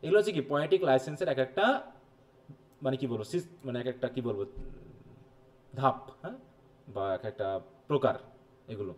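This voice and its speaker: A male teacher giving a classroom lecture, reading English passages slowly and stopping often to ask students if they follow. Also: mid-range voice, sing-song, darkish tone. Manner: explains slowly, reads English passages, checks understanding with questions.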